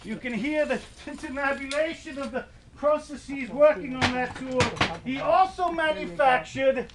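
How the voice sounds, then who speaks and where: A man's voice: very high voice, measured pace. A man playing a macabre ghost tour storyteller, narrating comic horror in a theatrical, wordy, mock-grandiose way. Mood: loud, gleeful. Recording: distant mic, light background noise.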